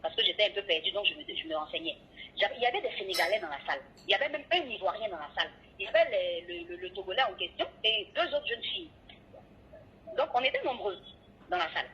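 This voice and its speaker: A woman's voice: medium pitch, quick pace, a little hiss or hum. A woman, a radio and TV presenter, tells her story in a phone interview and acts out each voice in the dialogue. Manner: lively retelling that acts out every voice in the dialogue. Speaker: radio and TV presenter recounting an ordeal. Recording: tinny phone line.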